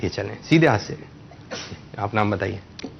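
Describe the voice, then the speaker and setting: A man hosts a children's religious quiz in a TV studio. He speaks patiently and slowly repeats each answer to correct it. The sound is a little dull, with faint noise behind him. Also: on the low side, expressive, vocal fry. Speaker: quiz show host.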